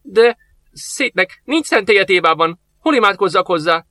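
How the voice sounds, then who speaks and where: A man doing a frightened old embalmer, high anxious pleading voice, storybook figure. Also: animated, bright, forceful tone, no room sound. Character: frightened old male embalmer, fussy and panicky.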